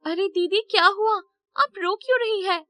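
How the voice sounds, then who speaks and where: Here the same kind of role returns: a woman plays a poor young mother in Hindi moral-story cartoon dialogue, her voice pushed very high above normal. At a moderate pace and with a sharp tone, she sounds earnest and emotional, devoted and pleading, carrying a mood of gentle concern.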